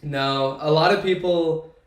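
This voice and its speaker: A young podcast co-host speaks a little slowly, his slightly high voice fairly even in intonation. Nasal from congestion, he keeps the casual chat laid-back and rambling, and the room echoes noticeably.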